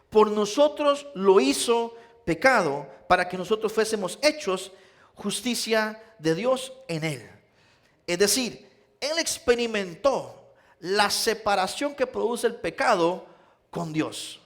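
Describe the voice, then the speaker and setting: A high-voiced male pastor with a Nicaraguan accent delivers a sermon. He tells stories and speaks straight to his listeners, moving between loud appeals and hushed, slower passages. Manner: storytelling, addresses listeners as "usted", shifts between loud and hushed.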